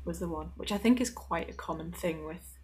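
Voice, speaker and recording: A woman's voice: fairly low pitch, a little fast, husky. A woman with a Northern English accent, a podcast guest chatting casually with lots of fillers. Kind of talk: casual chat.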